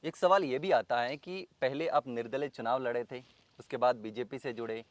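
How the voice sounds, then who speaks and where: A man interviewing a local political figure, asking long, steady questions and giving frequent brief acknowledgments. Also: medium pitch, normal speed, no room sound. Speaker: interviewer, reporter.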